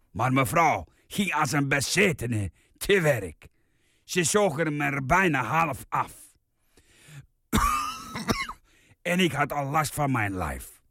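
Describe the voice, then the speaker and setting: A man playing a sick, grumpy, self-pitying man in a comic radio sketch, slow and sulky between coughs. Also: mid-range voice, sharp tone, no echo, clean studio sound, exaggerated voice. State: coughing, worn out with flu.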